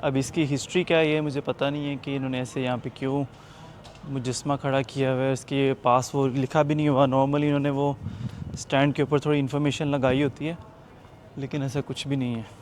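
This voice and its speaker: In a casual walking vlog, a young man from Pakistan jokes and chats with viewers while moving through a bustling tourist waterfront. His medium-pitched voice is darkish, flat, and a little fast, set against street noise and traffic.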